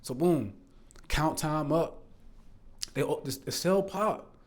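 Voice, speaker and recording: A man's voice: fairly high pitch, takes it slowly. Rambling, earnest man telling a testimony. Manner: rambling, repeats fillers and "bro", restarts often; earnest, swears the story is true. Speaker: storyteller sharing a faith testimony. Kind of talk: casual spoken testimony.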